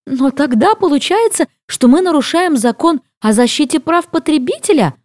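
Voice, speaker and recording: A woman's voice: a little high, big pitch swings, a little slow, warm tone, no room sound, studio quality, pitched above the performer's own voice. A woman reader voicing an anxious, easily flustered young woman friend. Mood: alarmed.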